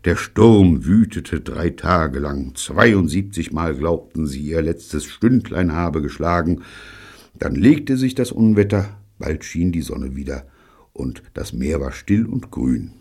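Husky deep-voiced male audiobook narrator. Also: takes it slowly. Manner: dry, wry storytelling with lively voiced dialogue. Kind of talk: audiobook reading of a children's novel.

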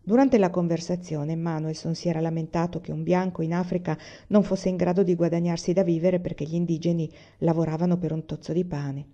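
Woman narrating in a warm low voice. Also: lo-fi sound. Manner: calm, measured reading. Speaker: reader. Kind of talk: audiobook narration.

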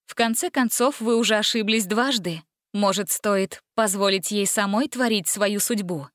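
A brave young heroine speaks earnestly and warmly to those around her, voiced by a woman narrating the tale. The voice lifts a bit above her narration. It is recorded dry and close. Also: mid-range voice, moderate pace, no room sound, close to an everyday voice. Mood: persuasive.

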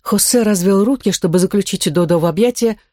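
A woman's voice: mid-range voice, brisk, dark tone, no echo, studio quality. A woman reading a children's adventure story aloud as narrator, steadily, acting out the dialogue. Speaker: audiobook narrator. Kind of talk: scripted narration.

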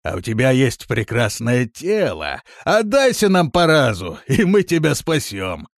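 A man's voice: mid-range voice, huge pitch swings, a little slow, no echo, studio quality, voice pushed up. A man playing a crude, scheming leader. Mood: mocking. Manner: gruff, mocking, bossy.

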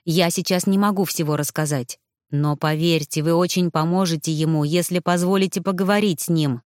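A woman's voice: fairly low pitch, fairly even intonation, brisk, darkish tone, dry recording, studio quality, natural voice. A woman voicing a polite male ghost officer in a storybook, speaking formally and apologetically. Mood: earnest.

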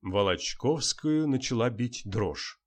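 A man narrates a novel in a steady, unhurried voice of middle pitch. His reading stays even and clear throughout. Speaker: audiobook narrator. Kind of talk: audiobook narration.

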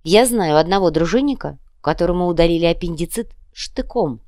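A woman reading a fantasy audiobook, voicing a lively, gossipy young woman telling a tall tale. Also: on the low side, fairly quick, no echo, clean studio sound, lightly acted. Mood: teasing.

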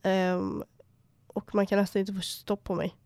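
A woman's voice: medium pitch, fairly even intonation, darkish tone, no room sound. A young woman co-hosting a podcast, talking a lot, swearing freely and acting out arguments with sudden outbursts. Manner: talkative, swears a lot, acts out quarrels with rising outbursts. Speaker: podcast co-host. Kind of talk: casual chat.

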